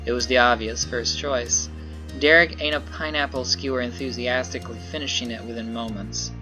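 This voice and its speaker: A man's voice: medium pitch, steady tone, normal speed, over music. A man playing through a visual novel, reading the narration aloud and adding casual comments on his choices. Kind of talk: story game playthrough with commentary.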